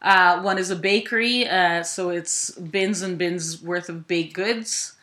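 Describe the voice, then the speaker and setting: A woman from Ukraine speaks in a lowish voice with a bright, forceful edge. She answers an interviewer's questions about her volunteer work. She thinks aloud, pausing on "uh" and correcting herself mid-sentence. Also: steady tone. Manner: thoughtful, with frequent "uh" and self-corrections. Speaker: volunteer with a food sharing group.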